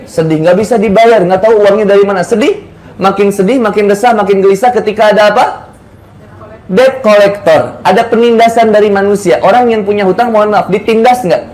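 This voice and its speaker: A male Islamic preacher with a Sundanese accent, giving a lively, joking sermon and addressing the women as Bunda. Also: high voice, fairly quick.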